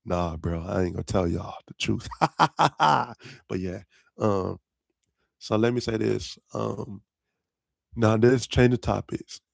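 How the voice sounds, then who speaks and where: Gravelly young man rambling on a podcast. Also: fairly low pitch, slow pace, long pauses, dry recording, studio quality. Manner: rambling and slangy, laughs often at his own jokes. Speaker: podcast host. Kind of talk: casual solo podcast chat.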